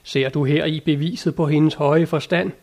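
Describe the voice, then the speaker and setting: An eager, lofty old knight from a storybook, full of high-flown devotion, as a male narrator reads him, in a fairly high voice. His speech is grand and old-fashioned, urging and exclaiming. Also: fairly even intonation, darkish tone. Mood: ardent. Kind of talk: audiobook character reading.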